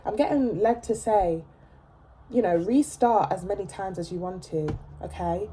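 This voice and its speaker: A woman's voice: mid-range voice, a little slow, dark tone, a little hiss or hum. A woman with a blocked nose giving a casual tarot reading to camera, chatty and emphatic, often checking in with "okay?". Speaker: tarot reader.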